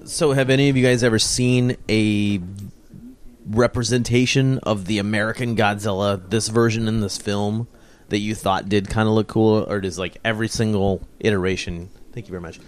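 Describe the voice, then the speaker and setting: A man's voice: fairly low pitch, fairly even intonation, normal speed, clean tone. A man co-hosting a casual movie commentary, rambling and laughing often. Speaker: podcast co-host.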